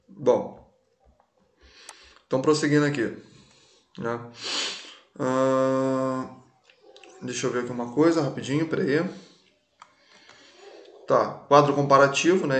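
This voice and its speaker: A man's voice: medium pitch, a bit bright. Male teacher in an echoey room. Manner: casual, keeps checking in with students. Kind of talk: recorded class lecture.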